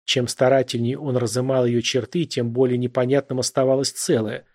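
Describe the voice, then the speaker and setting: A man narrating a literary novel as an audiobook. His reading is measured and reflective, with a husky voice at a middling pitch. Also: level tone, a little mellow.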